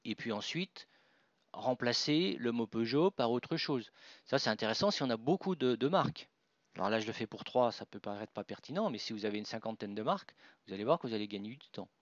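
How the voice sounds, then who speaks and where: A man narrates a software tutorial at his computer, describing each click as he makes it and restarting his sentences now and then. The sound is dry and somewhat dull, with mouse clicks in the background. His voice sits at an ordinary middle pitch. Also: expressive, a little fast, no echo. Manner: talks through each click, with fillers and restarts. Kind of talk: screen-recorded software tutorial.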